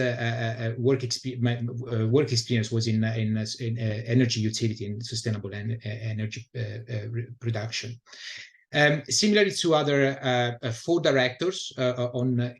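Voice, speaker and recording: A middle-aged man from Italy with an Italian accent, presenting his community energy group on a webinar call, with many fillers and restarts. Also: medium pitch. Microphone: video call.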